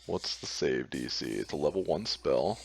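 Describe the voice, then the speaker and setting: A man's voice: extremely low pitch, animated, moderate pace, gravelly, slight background noise. A man narrating a tabletop game as game master in an informal way, given to humming and sing-songing between rulings.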